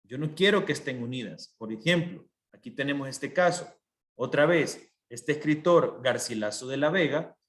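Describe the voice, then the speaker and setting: Man teaching a patient online class. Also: medium pitch. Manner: patient, explains step by step with frequent checks for understanding.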